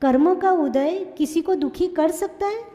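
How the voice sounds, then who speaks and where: High-voiced woman preaching in an echoing hall. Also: a little slow, warm tone. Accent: Indian Hindi, Indore. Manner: scolding, rhetorical questions to the audience. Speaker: Jain nun preacher. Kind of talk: sermon. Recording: long hall reverb.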